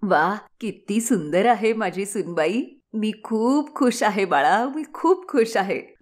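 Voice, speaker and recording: A woman voicing a gentle, patient old village mother-in-law who speaks softly and slowly. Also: mid-range voice, animated, close to an everyday voice. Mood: delighted. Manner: soft, slow and soothing.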